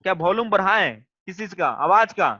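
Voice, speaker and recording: In a dull, lo-fi recording, a high-voiced man runs an online lesson, asking the same questions again until the students answer. His bright, ringing delivery has lively intonation and moves a little fast.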